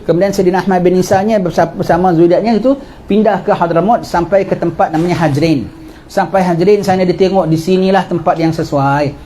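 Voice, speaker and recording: Fast-talking man giving a lively religious lecture. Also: high-pitched, slight background noise. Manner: lively storytelling, asks and answers his own questions.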